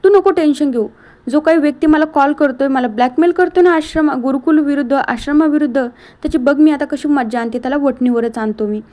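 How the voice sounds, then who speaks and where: A firm, protective older man who calms and promises to handle trouble, as a woman reads him out. The voice sits high, with a tone that stays steady and reassuring. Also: a little fast, close to an everyday voice.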